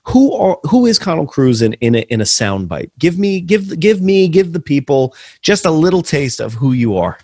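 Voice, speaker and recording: A man's voice: a little high, very animated, moderate pace, hardly any pauses, warm tone, husky, no room sound, clean studio sound. A man with a northeastern American accent hosting a casual interview over a video call, enthusiastic, rambling and self-deprecating. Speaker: interview host.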